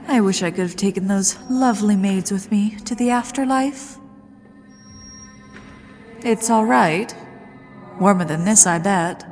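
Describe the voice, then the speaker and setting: In long, ghostly reverb over music, a woman acts out the genteel lady ghost of a haunted manor for an ASMR roleplay. She is coy and flirtatious, drawing out her words slowly with aristocratic mischief. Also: mid-range voice. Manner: coy, aristocratic, teasing, slow and deliberate.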